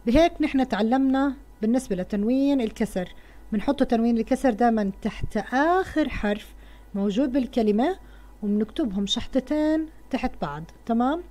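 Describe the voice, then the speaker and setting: Woman, Levantine Arabic accent, children's teacher, slow word-by-word spelling, soft mellow tone. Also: a little high, lively intonation. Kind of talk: first-grade lesson for children.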